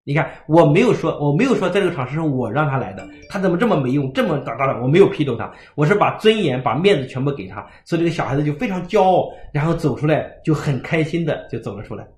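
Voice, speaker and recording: Man, parenting educator, brisk storytelling talk, echoey room. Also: a little high. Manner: storytelling, animated swings between loud emphasis and soft quiet narration.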